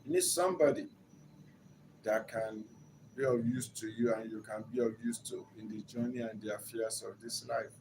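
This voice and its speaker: An older man with a Nigerian accent, whose first language is Yoruba, speaks as a relationship counselor in an earnest, teaching style that builds to emphatic rises. His voice is mid-range, and the background is noisy.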